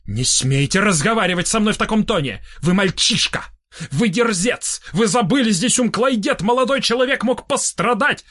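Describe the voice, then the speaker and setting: A man's voice: high-pitched, very animated, moderate pace, fairly bright tone, slightly rough, dry recording, voice pushed up, full character voice. Squealing pompous fat guy, scolds everyone, dry audiobook sound. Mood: scolding. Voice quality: shrieking, scolding. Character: fat shrill pompous man in pajamas. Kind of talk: audiobook reading.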